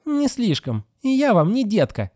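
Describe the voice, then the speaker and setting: A defiant teenage girl, as a male narrator puts her on, her voice raised high with lively swings in pitch. She answers back boldly and insolently. The sound is dry and close, like a home-made audiobook. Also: moderate pace, no echo.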